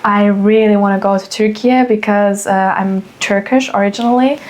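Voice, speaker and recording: A woman's voice: medium pitch, fairly even intonation, normal speed, a little mellow. A young woman from Germany hosting a solo podcast, talking casually and rambling, with many fillers and restarts. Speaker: podcast host.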